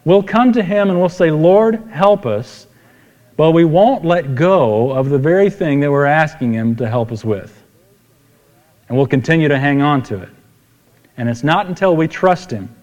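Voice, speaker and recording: A man's voice: on the high side, animated, moderate pace, a little mellow, dull audio. A middle-aged man preaching a sermon with personal storytelling, in a folksy, conversational way, repeating phrases for emphasis. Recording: reverberant hall.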